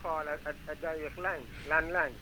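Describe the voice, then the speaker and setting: Male phone-in guest: higher voice, distant thin phone line, hesitant delivery. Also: little pitch movement, normal speed, bright, forceful tone. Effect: heard over a phone line, faint and far from the mic. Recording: faint distant phone line with light noise.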